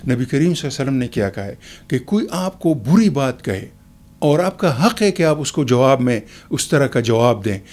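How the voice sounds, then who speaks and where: Man, talk show guest, calm, measured, lecturing, mid pitch. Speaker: expert guest. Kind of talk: explanatory talk show answer.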